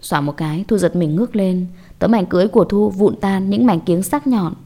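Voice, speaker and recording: A woman telling a scripted horror story in a measured, dramatic way. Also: mid-range voice, dark tone.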